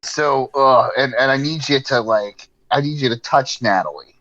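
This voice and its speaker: A man's voice: mid-range voice, moderate pace, bright, forceful tone, dull audio, faint music behind. A man in casual podcast chat, rambling along, swearing freely and laughing often. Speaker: podcast co-host.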